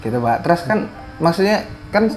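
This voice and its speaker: A man's voice: fairly high pitch, big pitch swings, normal speed, soft background music. A man, a guest telling a story in casual talk, hesitant and full of fillers and restarts.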